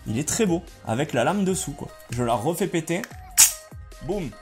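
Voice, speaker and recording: A man's voice: fairly high pitch, lively intonation, moderate pace, over music. Chatty French vlogger man, enthusiastic. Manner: casual, enthusiastic, many fillers and hedging "hein", "quoi". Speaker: YouTuber. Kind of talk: unboxing and product review vlog.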